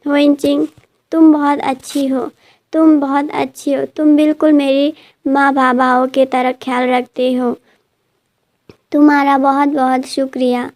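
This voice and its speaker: A woman's voice: high voice, little pitch movement, unhurried, a little mellow. A woman voicing a grieving wounded young man. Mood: grateful. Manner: despairing, pleading questions.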